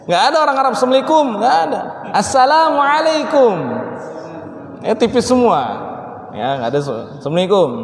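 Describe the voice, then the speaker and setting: Playful high-voiced tajwid teacher in echoing hall. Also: male voice. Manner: playful, teasing, mimics exaggerated greetings, slow drawn-out recitation. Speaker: Quran recitation teacher. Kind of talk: mosque tajwid class, joking with students. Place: mosque hall. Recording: echoey mosque hall with long reverb.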